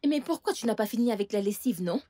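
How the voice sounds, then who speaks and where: A woman's voice: medium pitch, lively intonation, quick pace, dark tone, natural voice. A woman dubbing a bossy aunt who takes in her niece, impatient and scolding. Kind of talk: French dub of a film.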